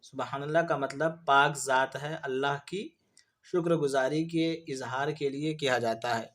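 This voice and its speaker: A man's voice: mid-range voice, steady tone, a bit bright. A male Urdu teacher explaining vocabulary for an exam. He poses questions and then answers them himself. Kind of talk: vocabulary lesson for exam prep.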